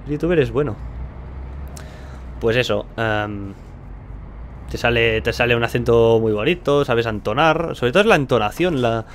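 A man's voice: mid-range voice, moderate pace, long pauses, slight background noise. A young man from Catalonia chatting casually while he plays, rambling and tossing in friendly filler words. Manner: chatty, rambling, lots of "tío". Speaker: gaming YouTuber. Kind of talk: casual gameplay commentary.

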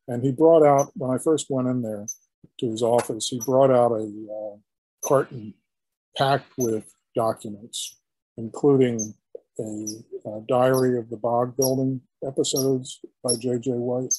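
An older man, a historian, giving an illustrated lecture in a halting, explanatory way with frequent restarts. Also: mid-range voice, steady tone, warm tone, no echo, poor audio. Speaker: historian giving a guest talk.

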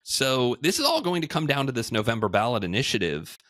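A man in his thirties, a guest on a remote video call, explaining things in a measured way with frequent fillers. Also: medium pitch, very animated, fairly bright tone, no room sound. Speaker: podcast guest, housing entrepreneur. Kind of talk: conversational interview.

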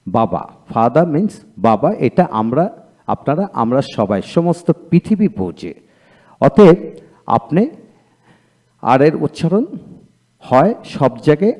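Mellow-voiced man teaching pronunciation drills. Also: mid-range voice. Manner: drills word lists, repeating each word twice; explains rules slowly and emphatically. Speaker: English teacher. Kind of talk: video lecture.

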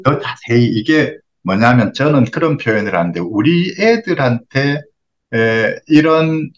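60s guy counselor, patient explaining, lively up and down voice, bit muffled audio. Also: medium pitch, a little slow. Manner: patient, explanatory, acts out example phrases. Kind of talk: phone counseling advice.

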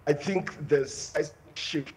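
A man's voice: fairly high pitch, takes it slowly, darkish tone, slightly rough. A man from Africa, speaking as a panelist over a breaking-up video call, checking hesitantly whether he can be heard. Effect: breaking-up video call audio. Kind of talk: remote panel discussion. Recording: choppy call line, faint noise.

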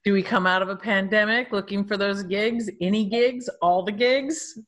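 A woman hosting a casual podcast chat, telling stories in a chatty, lively way. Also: medium pitch, normal speed. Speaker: podcast host.

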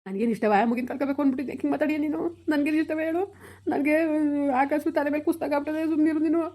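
A woman acting as a poor village father, anxious and blunt, begging the doctor and snapping at his wife. The words pour out very fast in a flat, dark tone, with hardly any rise and fall, in this homemade skit. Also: mid-range voice, close to an everyday voice. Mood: gruff. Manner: rapid pleading to the doctor, gruff with wife.

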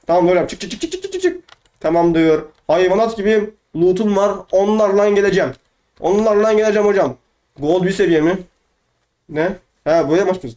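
A man's voice: high voice, a little mellow. A young man from Turkey chatting casually over gameplay, boastful and teasing, repeating his lines. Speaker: gamer.

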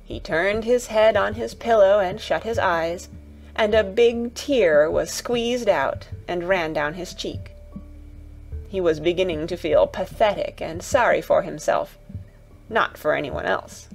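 A woman narrating a classic children's audiobook in a calm, even storytelling voice. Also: fairly low pitch, a little slow, vocal fry, soft background music, rough recording.

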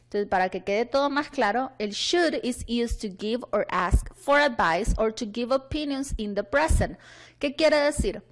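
A woman teacher from Honduras explains grammar in a fairly high voice. She reads each example sentence slowly and clearly, in a patient classroom manner. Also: expressive. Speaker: English teacher. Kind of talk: classroom lesson.

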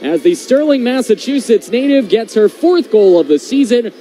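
A man giving brisk play-by-play commentary as a hockey announcer. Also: extremely high pitch, very animated, warm tone. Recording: noisy rink broadcast audio.

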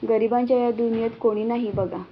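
A woman's voice: on the high side, fairly even intonation, fairly quick, slight background noise, close to an everyday voice. A woman voicing a humble, pleading poor old village woman who is sick, in a storybook reading with a lo-fi sound. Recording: dull lo-fi recording.

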